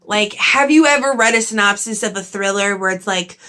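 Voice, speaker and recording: A young woman giving a casual, chatty book review, lively and full of "like" and laughs. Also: medium pitch, fairly quick. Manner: chatty and animated, with frequent "like" and laughs.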